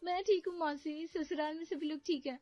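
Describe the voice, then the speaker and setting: A woman voicing a sweet, polite newlywed young niece who speaks softly. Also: high voice, steady tone, normal speed, dull audio, soft background music, pitched above the performer's own voice, close to an everyday voice. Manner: sweet, polite, soft-spoken.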